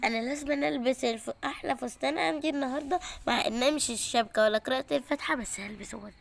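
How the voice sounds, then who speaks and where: A woman's voice: sits high, racing, vocal fry. A woman voicing a teasing, chatty younger sister, with an Egyptian accent. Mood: playful. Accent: Egyptian Arabic. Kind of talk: home-made toy drama.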